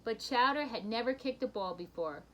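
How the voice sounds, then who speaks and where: A woman reads a children's picture book aloud with expressive storytelling, stopping for brief asides to her listeners. Her voice is on the high side at a normal pace, and the low-quality recording carries slight background noise.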